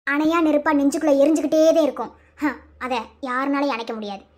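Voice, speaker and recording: Woman doing a shrill Madurai village woman. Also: quick pace, darkish tone, close to an everyday voice. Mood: bitter. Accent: Madurai Tamil. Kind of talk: cartoon voice acting.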